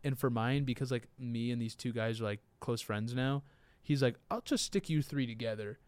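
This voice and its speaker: Young man, casual podcast chat, rambling, dry close sound, mid-pitched. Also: moderate pace, darkish tone, dry recording. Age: young adult. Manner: rambling, laughs easily. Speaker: podcast co-host.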